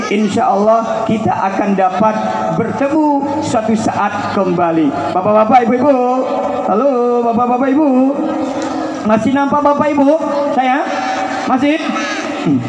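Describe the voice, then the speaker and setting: Man, 40s, preacher, sermon with chanted verses, very slow delivery, roomy echo. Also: sits high, background noise. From North Sumatra, Indonesia. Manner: calls out to the audience, chants verses slowly.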